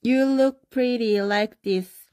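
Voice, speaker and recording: A young woman casually chatting on a live stream, reading viewer comments aloud and answering quick either-or questions. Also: on the high side, fairly even intonation, a little mellow, smooth, no echo, studio quality.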